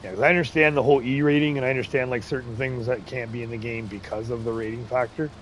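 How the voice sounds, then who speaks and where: This livestream host talks fast in a medium-pitched, steady voice, and the rough recording carries some hiss or hum. Streaming a casual farming game, he chats, laughs a lot, and reads viewers' messages out loud. His background is English, Irish, Scottish, Ukrainian and Romanian.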